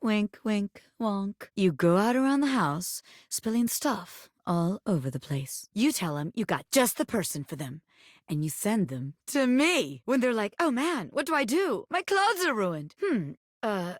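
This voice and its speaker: Bobby Pin, animated swaggering gangster gal. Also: female voice, mid-range voice, a little slow, no room sound, studio quality. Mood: scheming, pitching. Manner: cocky, slangy street-tough swagger, teasing. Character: brash living bobby pin, swaggering female wannabe gangster, playful schemer. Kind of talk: video game character voice acting.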